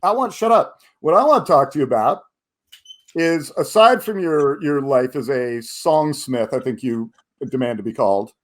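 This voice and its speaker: A man's voice: medium pitch, lively intonation, moderate pace. A man hosting a casual interview, teasing his guest playfully. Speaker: interview host.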